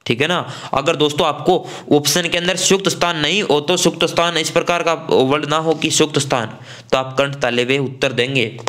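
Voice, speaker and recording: Male teacher from Rajasthan, higher-pitched voice, casual and chatty, sounds out vowels for students. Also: a bit bright. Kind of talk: online exam-prep grammar class.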